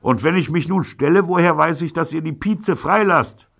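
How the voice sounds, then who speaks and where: A man voicing a bold young gang chief who gives brisk orders. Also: rumbling low, sing-song, creaky, husky, heavily acted. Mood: defiant. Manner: brisk, commanding. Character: bold boy gang chief, self-assured schemer.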